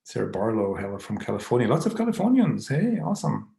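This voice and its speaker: A man's voice: medium pitch, very animated, fast talker, vocal fry, mellow, roomy sound. A man hosting a casual live online Q&A. He reads viewer comments aloud, greets people by name, and chuckles often.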